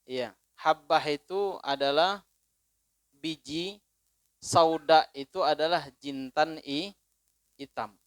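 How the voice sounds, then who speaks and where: A man teaching a religious lesson in casual speech, reciting Arabic slowly and louder and letting phrase ends fall soft. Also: on the high side, smooth, no room sound. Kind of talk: sermon.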